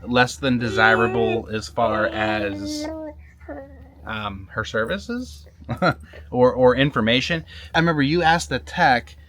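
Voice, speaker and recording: Man chatting casually, often asking "right?". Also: mid-range voice. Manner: halting, repeats words, asks "right?" often. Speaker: vlogger, husband. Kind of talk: casual sit-down vlog talk.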